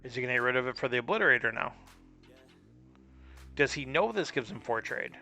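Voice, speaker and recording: Man, casual live game commentary, gravelly voice, bright edge, thinking aloud, faint music behind. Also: medium pitch, animated, a little fast. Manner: thinking aloud, puzzled and musing over the opponent's moves. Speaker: streamer.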